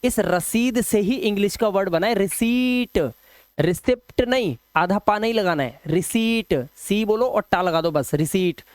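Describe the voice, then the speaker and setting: A man's voice: high voice, dry recording. Man teaching English sounds. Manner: drills word lists, repeats words slowly; chatty asides to viewers. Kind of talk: spoken English lesson.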